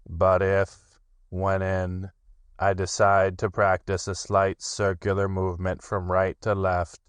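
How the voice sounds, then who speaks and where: A man voicing a gloomy, sarcastic old male donkey with a slow, flat, sardonic drawl. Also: low-pitched, clear, resonant tone, no room sound, voice pushed down.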